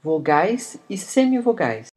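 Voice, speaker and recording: A woman narrating a scripted grammar lesson, slowly spelling out example words. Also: lowish voice, big pitch swings. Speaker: teacher. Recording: soft music behind the voice.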